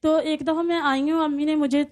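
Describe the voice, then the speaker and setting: A woman, a guest in a TV studio, recounting her own story in a halting, fragmented way, often repeating herself. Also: high-pitched, fairly even intonation, a little mellow. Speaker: guest on talk show. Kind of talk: recounting personal story in interview.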